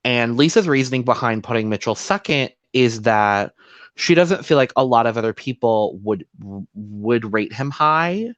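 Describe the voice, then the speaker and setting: A man's voice: mid-range voice, expressive, normal speed, dry recording, dull audio. A man co-hosting a casual podcast, recapping a show and slipping into playful voices for quotes. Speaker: podcast co-host.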